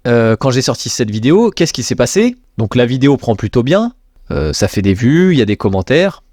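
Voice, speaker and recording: A man's voice: medium pitch, darkish tone, no echo, clean studio sound. A young man with a French accent hosting his own podcast, talking casually with many fillers. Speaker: podcast host. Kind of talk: casual monologue.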